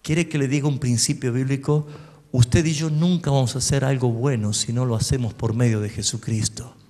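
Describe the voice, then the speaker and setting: A man with an Argentine Spanish accent preaching a sermon as pastor, swinging between quiet asides and loud calls for the congregation to repeat after him. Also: mid-range voice, fairly even intonation, brisk. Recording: long hall reverb.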